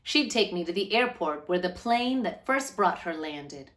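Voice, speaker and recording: In a lowish voice, a woman performs a children's picture book as a storyteller would. She speaks with animated, measured phrasing and elongated words.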